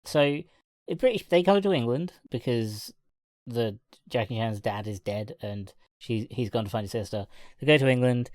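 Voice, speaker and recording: A woman's voice: rumbling low, moderate pace, darkish tone, no room sound, studio quality. A woman co-hosting a podcast, reviewing a film in casual, rambling chat and laughing often. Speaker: podcast co-host.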